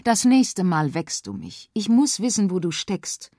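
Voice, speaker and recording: Casting: a brisk, caring mum, firm but kind, voiced by a woman for a radio story. Dry and close. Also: mid-range voice, big pitch swings, warm tone, dry recording, voice pushed up.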